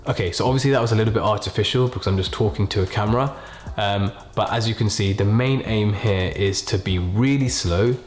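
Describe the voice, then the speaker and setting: A man's voice: fairly low pitch, brisk, faint music behind. A man giving an informal step-by-step lesson as a medical tutor, explaining methodically and numbering his points. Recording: roomy, echoing voice pickup.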